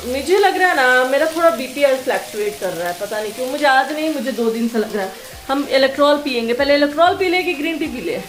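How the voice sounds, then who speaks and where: A woman's voice: high-pitched, lively intonation, fast. A woman in her thirties with a Jharkhand Hindi accent, chatting casually in a home vlog from her kitchen while she cooks and tells a story. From India. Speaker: vlogger.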